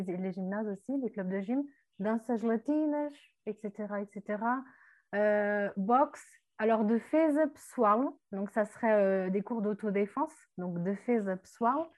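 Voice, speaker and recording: A woman teaching Portuguese words in a relaxed French lesson, explaining patiently with many fillers and mixing in Portuguese terms. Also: mid-range voice. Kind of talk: language lesson chat.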